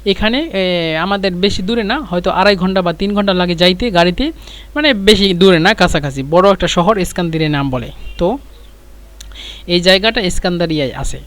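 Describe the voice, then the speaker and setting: A man teaching Arabic vocabulary, repeating each phrase slowly and spelling out its letters. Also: sits high, animated, a bit bright. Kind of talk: explaining vocabulary lesson.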